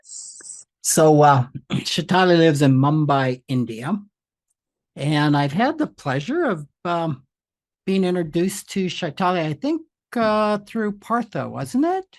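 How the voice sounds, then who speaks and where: A man's voice: on the high side, big pitch swings, slow. An older man hosting a podcast interview, talking loosely with many fillers and restarts. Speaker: podcast host.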